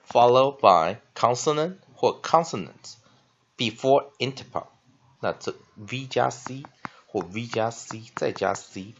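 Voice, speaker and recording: A man with a Taiwanese Mandarin accent teaches English words in a lowish voice whose pitch swings widely. He spells out letters, repeats each word slowly, and leans on "ah" fillers. The recording is muffled and lo-fi. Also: fairly bright tone. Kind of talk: classroom-style vocabulary lesson. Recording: dull lo-fi recording.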